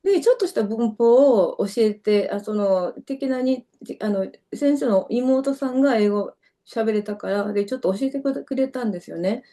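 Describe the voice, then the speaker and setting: A woman's voice: on the high side, lively intonation, moderate pace, dark tone. A middle-aged woman from Kyoto with a Kansai accent, a dancer chatting as an interview guest and telling long, rambling stories full of fillers. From Kyoto, Japan. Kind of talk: casual interview chat.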